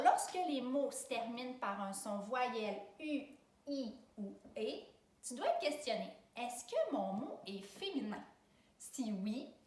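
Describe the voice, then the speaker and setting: A woman's voice: a little high, fairly bright tone, distant mic. Patient Québécois woman teaching children. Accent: Québécois French. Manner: patient, step-by-step, speaks directly to the child. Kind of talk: spelling lesson for children. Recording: roomy sound from away from the mic.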